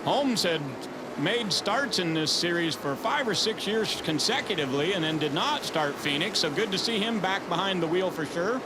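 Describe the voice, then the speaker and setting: A man's voice: sits high, lively intonation, moderate pace, very noisy. A man working as lead motorsport commentator, calling live races in an upbeat, polished broadcast delivery. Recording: music behind the voice.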